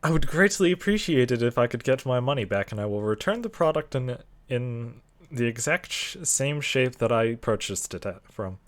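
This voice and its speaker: A put-upon, aggrieved worker played by a man in a tabletop game, stiffly over-polite. His clipped delivery has lively swings in pitch. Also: normal speed, natural voice. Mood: indignant politeness. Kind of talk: tabletop role-play.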